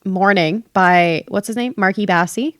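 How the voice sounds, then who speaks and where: A young woman co-hosting a podcast, an animated storyteller who swears freely in casual chat. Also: medium pitch, measured pace, no room sound, clean studio sound. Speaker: podcast co-host.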